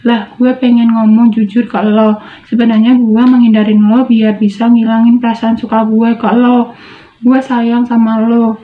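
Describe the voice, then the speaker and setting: A woman's voice: on the high side, level tone, normal speed, close to an everyday voice. Woman voicing an earnest, ailing teenage boy. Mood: earnest confession. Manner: slangy Jakarta-style boy talk, earnest. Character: sincere, gravely ill teenage boy. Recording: tinny, phone-like, echoey room.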